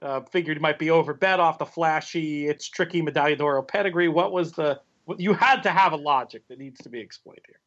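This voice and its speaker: A man's voice: a little high, a little fast, hardly any pauses, fairly bright tone, muffled recording. A man co-hosting a horse racing podcast, asking probing questions and breaking down races analytically. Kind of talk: casual podcast chat.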